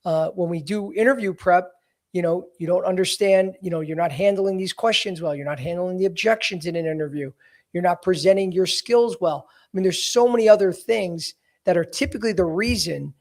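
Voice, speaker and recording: High-voiced blunt man in his forties. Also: a little fast. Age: 40s. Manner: blunt and emphatic, many "you know" fillers. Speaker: podcast host, career coach. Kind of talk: casual advice podcast.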